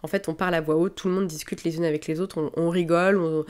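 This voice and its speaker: A woman with a slightly low voice tells workshop stories in a relaxed, conversational way. She speaks to her listeners directly, as if chatting with a friend. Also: quick pace. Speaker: lingerie seamstress sharing workplace stories. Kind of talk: casual storytelling monologue.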